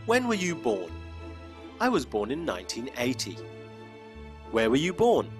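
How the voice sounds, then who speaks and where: A man hosting an English lesson in clear, teacherly scripted narration, slowing down for examples. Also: medium pitch, huge pitch swings, soft background music. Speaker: lesson host.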